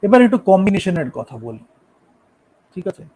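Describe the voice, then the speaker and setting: Male teacher, high voice, explains patiently step by step, classroom lecture. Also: sing-song, moderate pace, dark tone, slightly rough, low-quality recording. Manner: explains step by step, often checks understanding. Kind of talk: classroom lecture on poetic meter.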